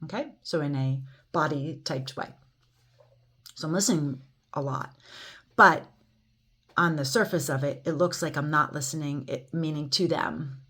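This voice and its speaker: A middle-aged woman with a somewhat low voice, talking on her own in an earnest, reflective way. She searches aloud as she goes, full of "um" and "you know" and fresh starts on her sentences. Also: normal speed, pauses often, a bit bright. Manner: earnest, self-searching, lots of fillers and restarts. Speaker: psychic medium speaking to viewers. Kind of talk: reflective solo talk.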